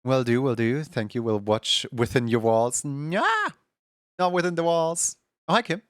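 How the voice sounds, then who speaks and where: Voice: medium pitch, moderate pace, no echo, clean studio sound. A streamer chatting casually while drawing on a livestream, playful and given to cutesy exclamations. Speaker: streamer, animator.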